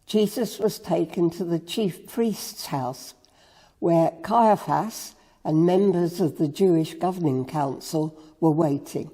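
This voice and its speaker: A church reader giving a Good Friday meditation, with slow, measured storytelling and a long reverb. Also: medium pitch, mellow, slightly rough.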